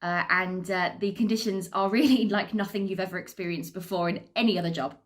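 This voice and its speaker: A woman's voice: mid-range voice, a little fast. An upbeat British woman speaks informally about her working life. She is chatty and articulate, like a cruise director at ease with talking to people. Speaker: assistant cruise director and entertainer. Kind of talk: informal career talk to camera.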